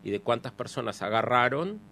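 A man's voice: medium pitch, expressive, a little fast, gravelly, sharp tone, a little hiss or hum. Hesitant Uruguayan man explaining at length. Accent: Uruguayan Spanish.

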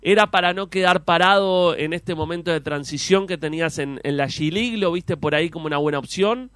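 Clear, higher-voiced Uruguayan male interviewer. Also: fairly quick, fairly bright tone, no echo. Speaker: sports show host, interviewer. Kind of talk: conversational sports interview.

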